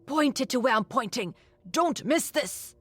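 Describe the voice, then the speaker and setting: A woman voicing an older male alien professor who talks in a hushed, urgent whisper, with a changed timbre, in a storybook reading. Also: medium pitch, animated, moderate pace, dry recording, lightly acted.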